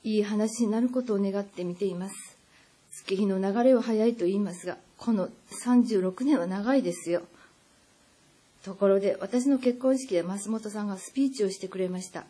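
A woman's voice: medium pitch, normal speed, mellow, husky. A woman reading a heartfelt recorded message to an old friend, earnest and pleading. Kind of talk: read personal message.

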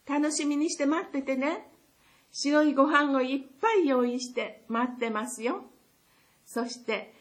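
High-voiced older woman reading tenderly. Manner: tender and imploring. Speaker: sister reading a message. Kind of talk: reading a personal message aloud.

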